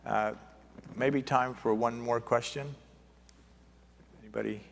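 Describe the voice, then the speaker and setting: A man's voice: medium pitch, takes it slowly, gravelly, slight background noise. Man moderating in an echoing conference hall. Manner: relaxed, restarts often. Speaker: panel moderator.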